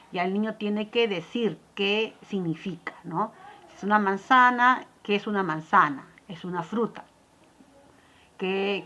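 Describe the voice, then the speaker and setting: A woman giving a lecture at a middle pitch, laying out ideas step by step. She poses questions and then answers them herself. Her talk is full of small tag questions and fillers. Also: fairly bright tone, muffled recording. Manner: explanatory, asks and answers her own questions. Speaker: teacher. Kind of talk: lecture on language development.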